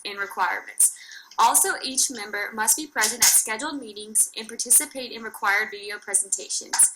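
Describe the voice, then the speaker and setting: A young woman from Louisiana, a student reading a formal class presentation in an even, listing way. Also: a little high, noisy background.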